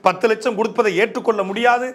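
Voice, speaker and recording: A man's voice: high voice, fairly even intonation, fast, a bit bright. A man narrating a political troll video in a mocking, sarcastic commentary style. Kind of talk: casual commentary.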